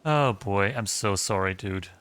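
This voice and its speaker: A man's voice: on the low side, measured pace, fairly bright tone, smooth. Chatty man streaming a game. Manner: chatty, rambling, swears casually, many restarts. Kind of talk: casual gaming commentary.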